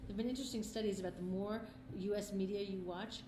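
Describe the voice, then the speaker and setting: A middle-aged woman who makes films is being interviewed, speaking with earnest passion in a conversational manner. She has a medium-pitched, steady voice and talks quickly, and the recording carries a roomy echo with faint noise behind it.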